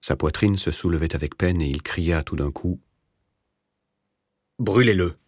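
A man reading a novel aloud as narrator, in a measured, even literary delivery. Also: extremely low pitch, dry recording, studio quality. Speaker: audiobook narrator.

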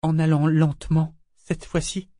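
A man's voice: a little high, little pitch movement, unhurried, mellow, dry recording, clean studio sound, voice pushed up, lightly acted. A man voicing a young woman who pleads in a breaking voice. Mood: hopeful. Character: young woman, distraught then pleading and tender.

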